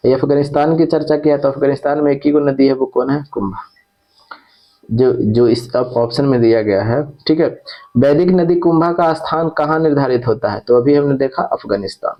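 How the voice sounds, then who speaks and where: A man's voice: medium pitch, normal speed, highs cut off. A man teaching an exam-prep lesson who repeats key terms and checks in with his students after each point.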